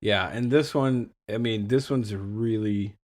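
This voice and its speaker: A man with a slight lisp, co-hosting a podcast in relaxed, rambling casual chat. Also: lowish voice, a little slow. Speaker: podcast co-host.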